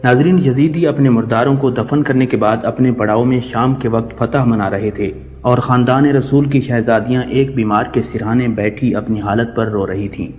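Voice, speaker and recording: A man's voice: medium pitch, few pauses, a little mellow. Solemn male narrator with long reverb. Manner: solemn, mournful storytelling. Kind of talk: scripted religious narration.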